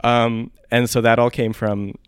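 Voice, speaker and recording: A man's voice: medium pitch, little pitch movement, smooth. A man in his thirties, a podcast co-host, chatting casually and poking fun at himself. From United States. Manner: chatty, self-mocking, quick asides. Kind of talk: casual chat.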